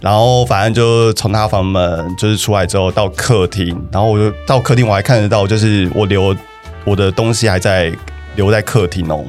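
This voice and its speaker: A man's voice: fairly low pitch, a little fast, darkish tone, faint music behind. A young man with a Taiwanese Mandarin accent, casually telling a personal story on a podcast, hesitant and often repeating himself. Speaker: guest telling his breakup story.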